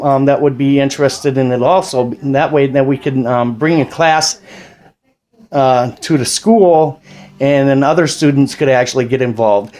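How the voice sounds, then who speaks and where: Speaking in a medium-pitched, somewhat mellow voice with an American accent, a roughly forty-year-old dad and amateur radio operator gives a casual explanatory chat to camera. He rambles informally while indoors at his home radio station.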